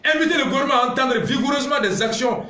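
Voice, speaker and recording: Very high-pitched and rapid-fire, his bright, forceful voice fills a roomy-sounding space. The Malian-accented political commentator delivers a passionate monologue interspersed with read-aloud passages, indignant and emphatic, stacking repetitions to pound his arguments home.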